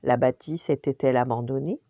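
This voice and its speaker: Older french-reading grandma doing bedtime stories, low mellow voice, sometimes whispery, muffled lo-fi. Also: female voice, a little fast, gravelly, no room sound. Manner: gentle, expressive, dropping to whispers. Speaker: grandmother storyteller. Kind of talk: bedtime story narration.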